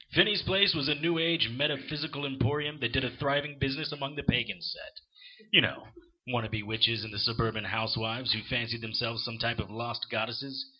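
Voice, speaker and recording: An actor playing a short-tempered, sardonic supernatural private eye, with a husky voice and wry hard-boiled delivery in a noir audio drama. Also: male voice, mid-range voice, lo-fi sound, a little hiss or hum, natural voice.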